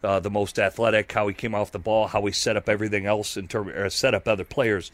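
A man's voice: lowish voice, flat delivery, fast, no room sound. A man analyzing football on a radio show, rambling through long analytical points. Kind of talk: sports radio talk.

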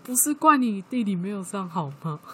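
Husky Taiwanese woman telling a story. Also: medium pitch, a little fast. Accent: Taiwanese Mandarin. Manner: lively storytelling, acting out quoted dialogue. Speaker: podcast co-host. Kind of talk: casual chat.

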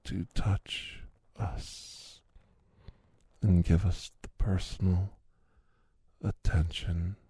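A man speaking in an intimate roleplay style, soft and lingering, slipping between a low voice and a whisper. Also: flat delivery, slightly rough, no room sound. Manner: slow, soft, lingering delivery with long pauses.

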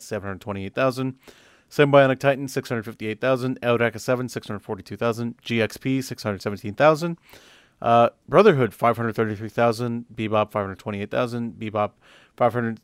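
A man's voice: mid-range voice, smooth, no room sound. Man reading ratings, dry close mic. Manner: reads figures in a steady list, laughs easily. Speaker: podcast host reading ratings. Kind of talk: casual podcast chat.

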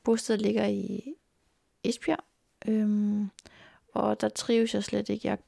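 A young woman recounting her life in an interview, earnest and halting, speaking indoors at her grandparents' home. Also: medium pitch, completely flat delivery, creaky, warm tone, no echo, clean studio sound. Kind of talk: personal life story interview.

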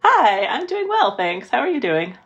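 A woman's voice: fairly high pitch, very animated, normal speed, dull audio, faint music behind. A middle-aged woman author from the American Midwest, talking thoughtfully in an interview with many "you know" fillers. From Midwestern United States. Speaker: author guest. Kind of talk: conversational interview.

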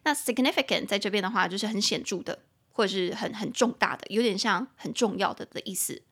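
A woman hosting a casual podcast lesson, translating phrase by phrase and spelling words letter by letter, chatty and quick to joke. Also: medium pitch, fairly bright tone, husky. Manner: chatty and joking, laughs easily. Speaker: English teacher and podcast host.

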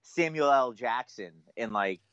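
A man co-hosting a podcast, chatting casually in an animated, filler-heavy, self-deprecating way. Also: medium pitch, measured pace, crowd noise. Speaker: podcast co-host. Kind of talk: casual chat. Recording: dull dry lo-fi audio.

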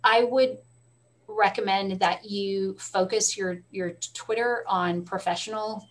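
Animated middle-aged woman storyteller. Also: mid-range voice. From Texas. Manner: animated storyteller, quick asides, frequent laughs. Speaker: guest, school librarian. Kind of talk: casual interview talk.

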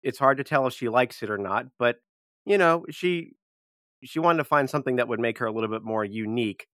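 A bright-toned man with a dry, close sound describes his character in a tabletop game. He talks in a jokey, giggly way. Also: mid-range voice, fairly quick, no room sound. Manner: joking, giggly. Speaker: player. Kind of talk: casual chat and in-character description.

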